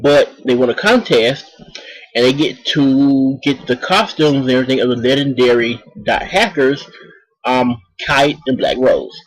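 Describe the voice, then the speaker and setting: A man's voice: mid-range voice, unhurried, poor audio. A man casually reviewing an anime, rambling with many ums and restarts while talking around a cough drop.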